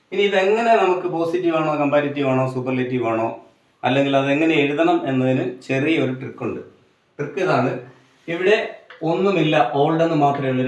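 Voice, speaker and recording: A man with a Malayali accent teaching an English grammar lesson for exam students, going step by step, asking and answering his own questions and slowing down to spell out English examples. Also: on the high side, roomy sound, far from the mic, poor audio.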